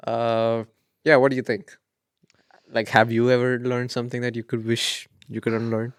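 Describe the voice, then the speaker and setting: A young man co-hosting a podcast in casual chat, asking questions in a relaxed way and laughing easily. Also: mid-range voice, moderate pace, clear, resonant tone, no room sound, studio quality. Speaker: podcast co-host.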